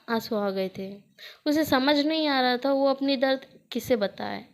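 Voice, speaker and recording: Woman reading a love story aloud. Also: high-pitched. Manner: steady reading, Hindi mixed with English words.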